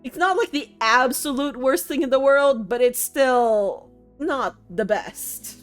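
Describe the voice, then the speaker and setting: A woman's voice: high-pitched, slow, soft background music. A woman streaming a puzzle game, thinking aloud and chatting with her viewers in a sleepy, musing way. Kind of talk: casual gameplay commentary.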